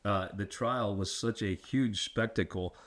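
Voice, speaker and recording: A lower-pitched man with a rural drawl hosts a history chat. He is folksy and quick to poke fun at himself, talking casually as he asks questions. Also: a bit bright. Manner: folksy, self-deprecating. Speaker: interviewer and host. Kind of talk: casual local history interview.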